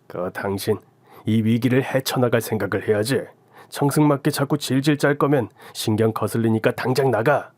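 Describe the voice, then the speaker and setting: A man voicing a curt, gruff older father-in-law in a radio drama. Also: mid-range voice, normal speed, darkish tone, dry recording, lightly acted.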